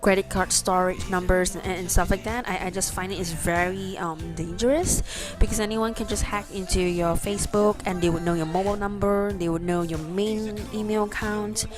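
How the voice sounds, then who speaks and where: A woman's voice: mid-range voice, steady tone, normal speed. A woman giving a casual, rambling screen tutorial with hesitant delivery, her pronunciation slightly off from wearing braces. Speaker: online shopping tutorial presenter. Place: voice-over for a screen recording. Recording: music behind the voice.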